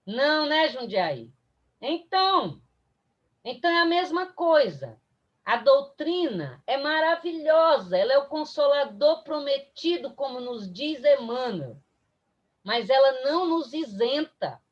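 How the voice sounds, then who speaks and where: A woman's voice: high voice, big pitch swings, unhurried, muffled recording. A woman with a Brazilian accent giving a spiritist lecture online, incisive and direct with her listeners. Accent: Brazilian Portuguese. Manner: emphatic, direct, addresses audience.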